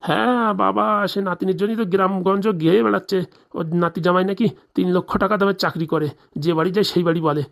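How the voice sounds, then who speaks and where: Voicing a jilted, scheming village husband of forty in a cartoon comedy, a man speaks fast in a high, steady, gravelly voice. The character is indignant, grumbling and cursing in earthy country talk.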